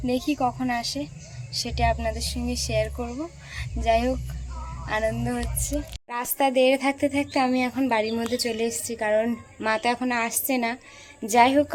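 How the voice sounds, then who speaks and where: A woman's voice: on the high side, darkish tone. A young woman chatting casually to her viewers while filming her family home and garden. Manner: chatty, talks straight to viewers. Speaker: vlogger.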